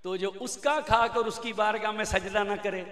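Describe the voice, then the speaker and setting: A man preaching an emotional religious sermon, chanting refrains and building to impassioned shouting. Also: sits high, fairly even intonation, normal speed. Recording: echoey hall reverb.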